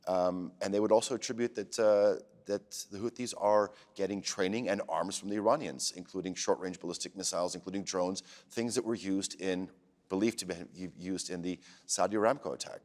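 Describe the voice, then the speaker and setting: A man's voice: deep voice, fairly even intonation, fairly quick, darkish tone, long reverb tail. A man hosting a broadcast current-affairs interview, putting formal questions to a guest. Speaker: interviewer, TV host.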